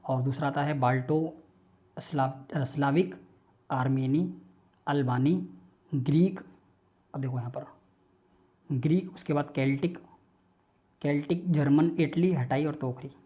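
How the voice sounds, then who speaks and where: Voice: mid-range voice, unhurried, long pauses, warm tone. A teacher giving an online class lecture, patiently repeating lists aloud in rhythmic drills and coaxing students to memorize them.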